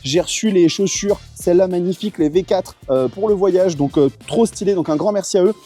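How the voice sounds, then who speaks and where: A man's voice: high voice, a little fast, warm tone, soft background music. A young man hosting a casual motorcycle travel vlog, chatty and full of fillers. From Portugal. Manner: chatty, lots of fillers and thanks to sponsors. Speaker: motorcycle vlogger.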